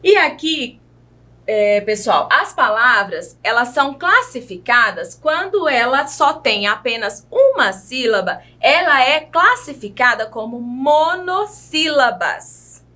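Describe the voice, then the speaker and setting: A woman teacher with a Brazilian Portuguese accent, giving a patient children's video lesson and sounding out words slowly, syllable by syllable. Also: sits high, big pitch swings, bright, forceful tone. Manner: slow, careful syllable-by-syllable enunciation; patient, addresses young pupils directly.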